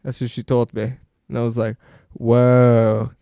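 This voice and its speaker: A man's voice: mid-range voice, level tone, a little fast, creaky, warm tone, dry recording, clean studio sound. A man co-hosting a casual podcast, telling loose anecdotes and teasing his friend. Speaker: podcast co-host. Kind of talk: casual chat.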